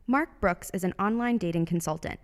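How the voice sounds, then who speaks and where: Woman reporter, lower voice, even scripted feature narration. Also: fairly quick, a little hiss or hum. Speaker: radio reporter.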